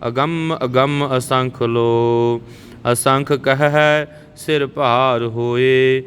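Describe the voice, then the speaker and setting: A man teaching scripture pronunciation, reciting verses in a measured way and correcting words in quick asides. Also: a bit bright, clear, resonant tone. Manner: slow measured recitation, brisk spoken corrections. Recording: reverberant hall, faint rumble.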